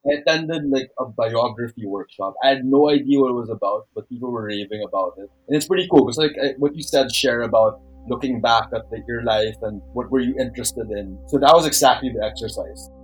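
A man with a husky voice of middle pitch talks casually. He comes across as informal and reflective. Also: a little fast, few pauses, rough recording. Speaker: teacher. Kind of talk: casual conversation.

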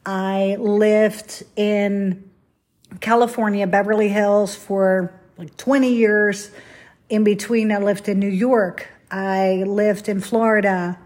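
A woman's voice: medium pitch, fairly even intonation, slow pace, a little mellow. A middle-aged woman from the Netherlands, hosting a podcast in a candid, rambling, self-deprecating solo monologue. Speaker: podcast host.

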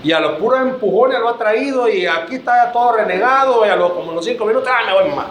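High-voiced joking preacher. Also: male voice, quick pace, reverberant, slight background noise. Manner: joking, lively, addresses listeners as brother. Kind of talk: sermon. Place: church.

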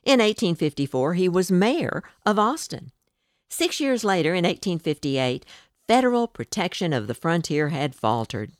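A woman narrating a scripted history piece in a measured, deliberate reading. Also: fairly low pitch, very animated, no room sound, studio quality.

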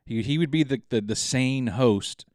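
A man co-hosting a podcast in casual chat, joking and telling animated stories. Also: medium pitch, normal speed, no echo, clean studio sound. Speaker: podcast co-host.

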